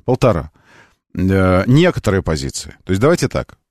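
A man's voice: low voice, very animated, normal speed, a little mellow, dry recording, clean studio sound. A man hosting a live car call-in radio show, talking conversationally and emphatically, arguing his point and repeating phrases. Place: radio studio.

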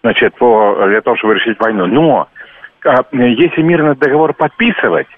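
Man, radio guest analyst, tinny phone line, halting, filler-heavy, dry. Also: mid-range voice, no echo. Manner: halting, many "e" and "znachit" fillers. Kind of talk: live radio interview.

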